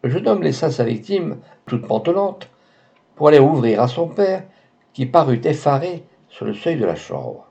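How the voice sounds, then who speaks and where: A man narrating a novel as an audiobook reader in a measured storytelling manner, on a dull lo-fi recording. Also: on the high side, very animated, gravelly, dark tone. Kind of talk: scripted novel reading.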